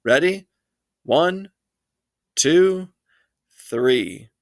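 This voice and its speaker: A man reading aloud voices a fussy, worried mother of two boys, talking higher and slower than his own voice. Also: animated, creaky, a bit bright, no echo, studio quality. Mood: firm. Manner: anxious, fussing, higher slower voice.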